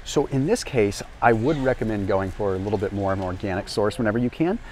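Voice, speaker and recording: Man, rapid energetic explainer, lapel mic, big warehouse store, faint shop hum behind. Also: on the low side. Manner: fast, energetic explaining to camera. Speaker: health and nutrition vlogger. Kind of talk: educational grocery walk-through. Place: large indoor warehouse store. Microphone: small lapel mic.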